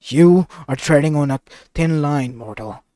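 A man voicing a proud, menacing ancient male Titan who speaks slowly and haughtily. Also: a little high, warm tone, no room sound, studio quality, close to an everyday voice. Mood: threatening.

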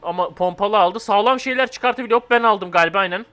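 A young man hosting a gaming channel, commenting on a zombie game in slangy chat, excitable and yelling when in danger. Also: high voice, quick pace, smooth. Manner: slangy, addresses viewers and teammates. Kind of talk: Roblox let's play commentary.

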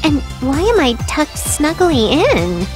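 A woman's voice: sits high, big pitch swings, takes it slowly, over music, full character voice. A woman voicing a cheeky, dramatic teenage girl in an anime video game, with a bubbly, exaggerated, playful delivery. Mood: surprised, excitable.

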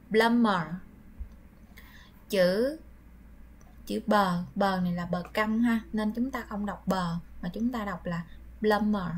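A woman with a Vietnamese accent teaching English vocabulary, drilling each word slowly and explaining in Vietnamese. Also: on the high side, rough recording. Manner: slow, drilled pronunciation with repeated words.

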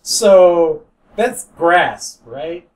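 A man's voice: on the high side, expressive. A man co-hosting a casual podcast while drawing, teasing his friends and laughing often. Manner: teasing and giggly, quick to laugh. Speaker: podcast co-host. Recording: distant mic with faint room noise.

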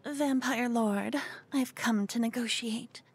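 An ASMR performer voices a cute, obsessed human fangirl who is nervous yet defiant, stammering, flustered and brazen, breathy and often slipping into a whisper. Her voice is a little high, slow and exaggerated.

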